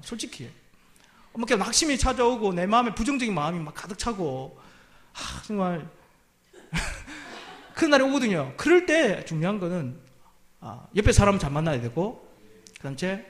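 A male pastor preaching a sermon from a church pulpit, humorous and self-deprecating, often laughing at his own jokes. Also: sits high.

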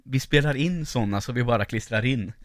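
A man co-hosting a casual podcast, relaxed and joking drily as he leads the talk. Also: mid-range voice, no room sound, studio quality. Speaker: podcast co-host.

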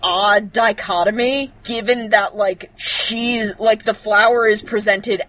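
A woman's voice: mid-range voice, fairly even intonation, slow, a bit bright, low-quality recording. A woman co-hosting a podcast, chatting casually and filling her talk with "like". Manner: chatty, many "like" fillers. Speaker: podcast co-host. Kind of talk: casual chat.

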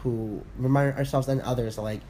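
A man's voice: mid-range voice, fairly even intonation, moderate pace, warm tone, a little hiss or hum. Rambling man chatting, heavy on "like". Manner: rambling, filler-heavy, lots of "like" and restarts; laughs often, candid and profane. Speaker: podcast co-host. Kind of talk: casual chat.

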